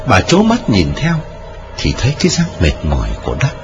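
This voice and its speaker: A man's voice: huge pitch swings, a little fast, dull audio. Dramatic male ghost-story narrator. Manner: dramatic storytelling with wide swings in pitch. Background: music.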